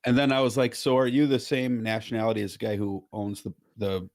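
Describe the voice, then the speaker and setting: A man with a fairly low, brisk voice hosts a casual podcast. He jokes around and tells stories in an energetic, animated way.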